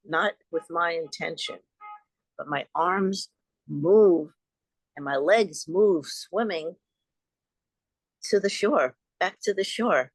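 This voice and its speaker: A woman's voice: fairly low pitch, expressive, slow, no echo. Older new lady telling stories, kinda rambling, earnest, dry sound. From Long Island, New York. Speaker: guest, author. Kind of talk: storytelling in an interview.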